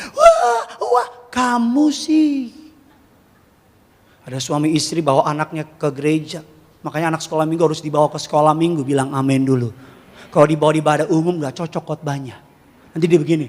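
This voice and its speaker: A man preaching a sermon as a pastor, animated and humorous, firing rhetorical questions at his congregation. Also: a little high, fast talker. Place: large church hall. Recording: long church reverb.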